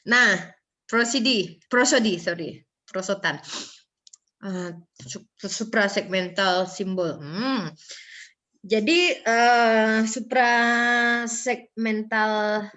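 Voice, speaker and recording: A woman's voice: a little high, fairly bright tone. A woman lecturing on English phonology in a casual online class, chatty and joking with students, mixing in English terms.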